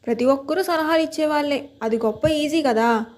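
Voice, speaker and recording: A woman reading a story aloud in the first person, lively and expressive. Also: sits high, fairly quick.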